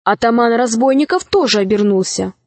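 A woman narrating a fairy tale aloud in an expressive, measured way. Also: fairly high pitch, dry recording.

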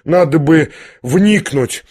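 A man's voice: fairly high pitch, expressive, takes it slowly, a little mellow, husky, exaggerated voice. A man voicing a flustered middle-aged general and father who fumbles and repeats himself.

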